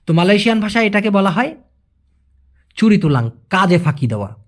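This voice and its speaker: Lively-voiced man teaching a language. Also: sits high. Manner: explains slowly, repeating phrases, addresses viewers as brother. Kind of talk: casual spoken language lesson.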